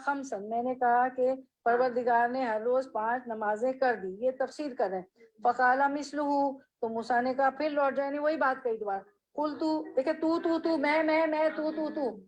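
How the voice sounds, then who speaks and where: A woman teaching a hadith lesson. She reads Arabic phrases slowly, explains them, and asks her listeners questions. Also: sits high, a little mellow, lo-fi sound. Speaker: religious teacher.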